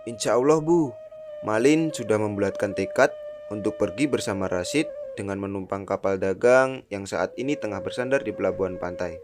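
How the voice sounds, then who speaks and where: A man's voice: on the low side, moderate pace, music in the background, natural voice. A man playing an earnest, devoted young village son in a radio drama, with formal theatrical delivery. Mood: pleading, devoted.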